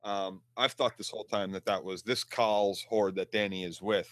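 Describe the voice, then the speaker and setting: Lower-voiced man co-hosting a casual show. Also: fairly even intonation, normal speed, no echo. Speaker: podcast co-host. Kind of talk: casual discussion.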